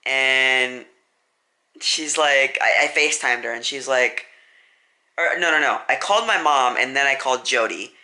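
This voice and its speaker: Bright-voiced vlogger rambling. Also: male voice, mid-range voice, measured pace. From US Midwest. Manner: rambling, self-correcting, many fillers. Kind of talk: casual storytime vlog.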